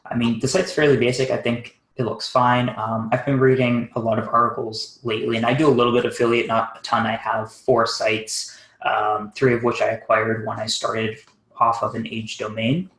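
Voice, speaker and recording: A man giving a live SEO site audit on a webinar, talking quickly and casually while thinking aloud, with plenty of fillers. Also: medium pitch, level tone, a bit bright, echoey room, poor audio. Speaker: SEO consultant.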